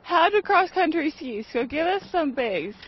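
A woman's voice: sits high, sing-song, normal speed, muffled recording. An American woman, a field reporter, giving a casual live report outdoors. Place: outdoors in snow. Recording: noisy outdoor broadcast.

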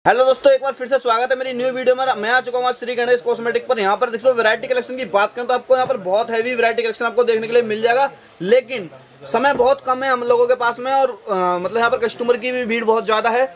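A man hosting a market vlog, talking up a shop in a quick, salesy patter and repeating prices back to the viewer. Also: very high voice, fairly even intonation. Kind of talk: upbeat shop-tour vlog.

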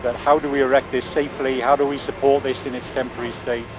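A man giving a measured, explanatory on-site interview as a project engineer, outdoors at a construction site. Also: medium pitch, level tone. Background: music bed.

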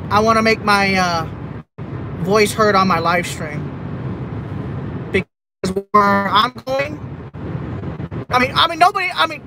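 A man from Texas, live streaming from his car while driving at night, rambling and repeating himself as he vents half-jokingly. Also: sits high. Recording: road noise from a moving car. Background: engine and road noise.

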